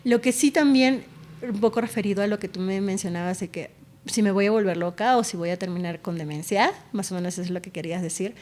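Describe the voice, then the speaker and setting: In a conversational interview, a woman neurologist appearing as guest explains things and relates stories about her patients expressively. Her voice is medium-pitched, fast and darkish in tone.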